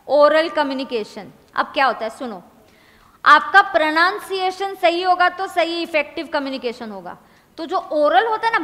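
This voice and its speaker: High-pitched woman dictating slowly in a hall. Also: bright, forceful tone. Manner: slow, deliberate dictation, repeating points. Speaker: teacher. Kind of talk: classroom lecture with dictation. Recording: long hall reverb.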